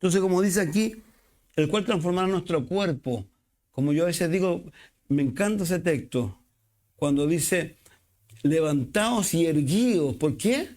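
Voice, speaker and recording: A male pastor, preaching a sermon with expressive swings and acted-out quotes. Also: on the high side, a little slow. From Chile.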